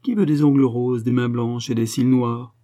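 A man's voice: medium pitch, steady tone, moderate pace, warm tone, voice pushed up, close to an everyday voice. A man reading an audiobook, voicing a fawning male peddler clown with a grotesque southern French accent and hawking patter.

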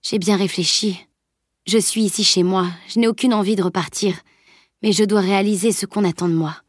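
A woman's voice: medium pitch, steady tone, normal speed, no echo, clean studio sound, natural voice. A woman reading the part of a determined teenage girl in an audiobook, earnest and resolute.

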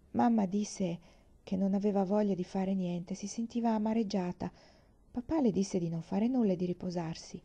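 A woman reading a children's novel aloud at a slow, expressive pace. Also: fairly low pitch, gravelly, slightly rough, highs cut off. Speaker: reader. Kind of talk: audiobook narration.

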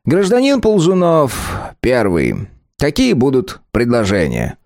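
A man's voice: mid-range voice, wildly swooping pitch, slow pace, darkish tone, no room sound, clean studio sound, pitched above the performer's own voice, exaggerated voice. A man voicing a stern, sarcastic male administrator who snaps out his rulings. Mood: curt, sarcastic. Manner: snapping, sarcastic.

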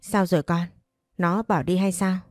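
A woman's voice: lowish voice, fairly even intonation, normal speed, a little mellow, no room sound, faint music behind, lightly acted. A woman voicing a fretful older mother who dotes on her son, in an audio story. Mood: pleased.

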